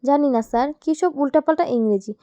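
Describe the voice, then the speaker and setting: A woman voicing a weary, irritated male police constable in a storybook reading, in a lowered, grudging tone. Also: a little fast, mellow, dry recording, natural voice. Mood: exasperated. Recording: dull lo-fi, dry.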